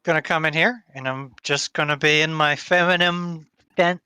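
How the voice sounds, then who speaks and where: A man's voice: a little high, steady tone, moderate pace, pushed and bright, clear, resonant tone, no echo, clean studio sound. A man chatting casually as a player in a tabletop game.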